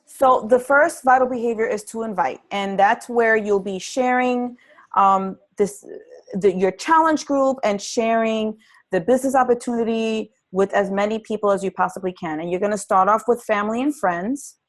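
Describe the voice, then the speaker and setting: With a fairly high pitch and moderate pace, a woman guides new fitness business coaches through a live conference-call training. She encourages them earnestly, with many ums and restarted phrases.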